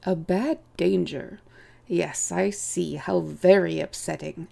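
A woman voicing an elderly male chief rabbit in an audiobook, politely detached and condescending, with a vague, genteel, unhurried manner. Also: fairly low pitch, creaky, mellow, exaggerated voice. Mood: blandly unconcerned. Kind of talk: audiobook character voice.

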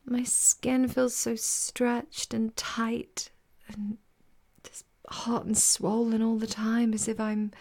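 Slow, breathy whispering woman. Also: fairly high pitch, little pitch movement. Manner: soft, sighing, often whispered. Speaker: audio roleplay performer. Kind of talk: intimate whispered roleplay monologue.

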